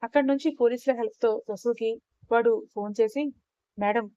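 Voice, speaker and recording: A woman narrates a written story in a steady, plain way. Her voice is mellow and a little high. It sits close and dry on a muffled, lo-fi recording. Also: brisk, dry recording.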